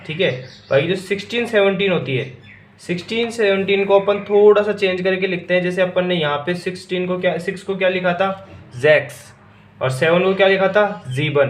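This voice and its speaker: Man teaching in an echoey room. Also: high voice. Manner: asks a question then answers it himself, repeating each word. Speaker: German teacher. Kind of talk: classroom-style language lesson.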